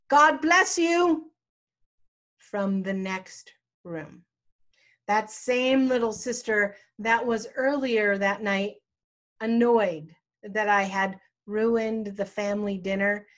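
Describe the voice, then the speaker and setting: A middle-aged woman pastor preaching a sermon, telling a personal story with a slow storytelling cadence and dramatic pauses. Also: mid-range voice.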